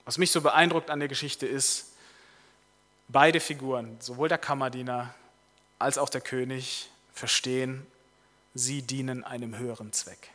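A man preaching a sermon, telling a story in a lively way before summing up his points. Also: medium pitch, measured pace. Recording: long reverb of a large hall.

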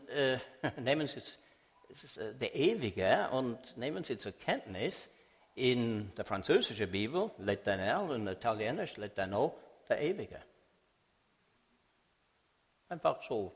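A man giving a lively Bible lecture to an audience, teasing listeners and often checking in with a quick "ja?". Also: mid-range voice. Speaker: Bible teacher speaking to an audience. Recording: long hall reverb.

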